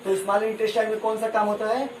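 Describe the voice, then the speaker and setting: A male school science teacher gives a classroom lesson, quizzing the class, having them repeat answers, and using homely examples. His high-pitched voice is flat and quick. The recording is noisy and echoey, with the mic far away.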